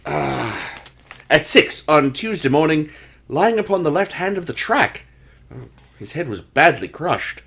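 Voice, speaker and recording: Man acting lively, higher-voiced Doctor Watson. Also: measured pace, gravelly, breathy edge, exaggerated voice. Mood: earnest, hesitant. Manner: storytelling, expressive. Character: earnest gentleman doctor, the detective's companion and narrator. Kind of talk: radio drama narration and dialogue.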